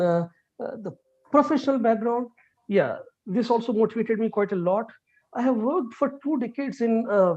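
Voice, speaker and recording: Rich: A middle-aged man speaks quickly over a video call, his mellow voice coming through dull and lo-fi. He talks earnestly with plenty of fillers and restarts, like a guest lecturer. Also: high-pitched. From India. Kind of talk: online lecture.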